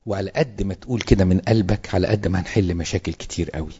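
A man with an Egyptian Arabic accent speaks quickly, a priest addressing clergy in an animated, sermon-like way and throwing out rhetorical questions. His voice is mellow and husky, and the recording sounds dull and lo-fi. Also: deep voice. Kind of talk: lively sermon-style talk to clergy.

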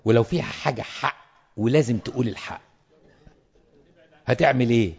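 A quick-talking Egyptian clergyman with a husky, slightly rough voice lectures fellow priests. He presses his points home by repeating them. The sound is dull and carries a long hall echo. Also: mid-range voice, a little mellow. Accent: Egyptian Arabic. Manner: emphatic, repeats words for stress.

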